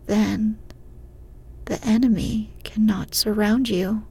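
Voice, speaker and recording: A woman voicing a wise old male wizard, speaking in a slow, hushed whisper. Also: mid-range voice, fairly even intonation, vocal fry, breathy edge, heavily acted. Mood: calm counsel.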